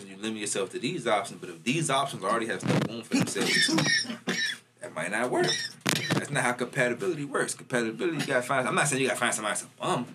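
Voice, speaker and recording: A man talks quickly in casual, slangy frat-bro banter. He swears freely and repeats phrases to drive a point home, with noticeable background noise and clicks. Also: on the low side. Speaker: podcast co-host.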